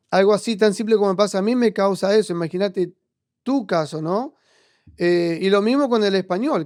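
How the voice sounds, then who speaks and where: A man with an Argentine accent, interviewing a guest in a reflective, halting way. His voice sits fairly high and sounds clear, recorded dry and close. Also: darkish tone, dry recording. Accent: Argentine Spanish. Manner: reflective, hesitant, restarts often. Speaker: podcast host. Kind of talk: conversational interview.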